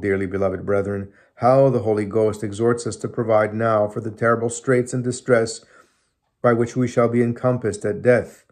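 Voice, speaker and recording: Solemn, low-voiced man reading old sermons. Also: a little mellow. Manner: measured, solemn reading with cited verses dropped low. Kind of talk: reading aloud from a sermon book. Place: small room at home, indoors. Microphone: phone or webcam close in front.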